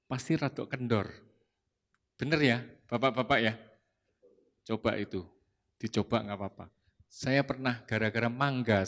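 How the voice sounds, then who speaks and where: A man preaching at a church service about marriage, telling a personal story in a lively, anecdotal way. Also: medium pitch. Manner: lively anecdotal preaching, rising to loud retorts when quoting himself. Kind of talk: sermon with storytelling.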